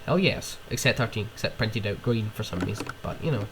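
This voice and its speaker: A man's voice: on the low side, expressive, fairly quick, noisy background. A young man with a cold, hosting a podcast on his own and ranting in rambling, casual chat, with sniffs and swearing. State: ill with a cold. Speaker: podcast host.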